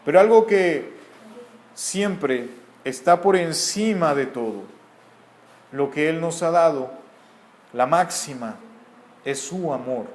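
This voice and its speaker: A man's voice: on the high side, lively intonation, slow pace, long pauses, echoey room. A man from Mexico with a Mexican accent, giving an earnest, repetitive Bible teaching. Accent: Mexican Spanish.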